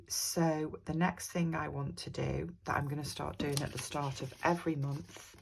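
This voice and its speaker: A British budgeting vlogger talks casually to camera in a low, croaky voice, her throat sore from a cold. She's chatty and rambling, with frequent ums.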